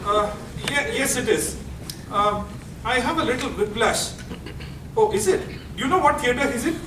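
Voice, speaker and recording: An actor playing a grumbling, aggrieved husband in a stage farce, complaining indignantly while nursing an injury. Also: male voice, very high-pitched, lively intonation, normal speed. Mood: strained. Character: grumbling, aggrieved husband with whiplash after car crash. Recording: echoey, noisy hall from far off.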